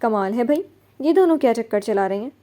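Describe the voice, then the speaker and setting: A woman's voice: fairly high pitch, expressive, fairly quick, warm tone, natural voice. A woman voicing a curious, gossipy young woman, as she reads a novel aloud. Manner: surprised and gossipy.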